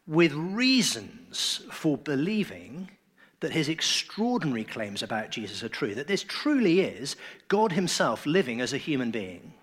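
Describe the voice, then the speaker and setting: Guy preaching, kinda husky, voice goes up and down a lot, earnest and emphatic, trails off quiet. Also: fairly high pitch. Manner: earnest, emphatic, trailing off softly at phrase ends. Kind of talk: sermon.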